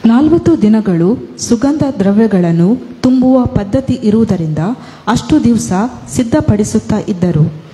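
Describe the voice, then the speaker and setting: Dark-toned woman reading in a hall. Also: on the high side, expressive, a little slow, slight background noise. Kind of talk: reading scripture aloud. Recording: distant, reverberant, faint ambience.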